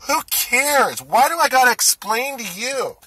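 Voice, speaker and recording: A man's voice: very high-pitched, very animated, a little slow, pushed and bright, husky, dry recording, poor audio. A man in his forties giving an indignant, ranting monologue to the camera. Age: 40s. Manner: indignant, ranting, rising heat. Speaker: food delivery driver.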